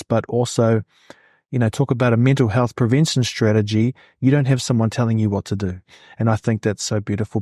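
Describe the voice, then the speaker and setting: A man's voice: mid-range voice, warm tone, no echo, studio quality. A man hosting a podcast interview in front of a classroom, speaking in an encouraging way. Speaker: podcast host.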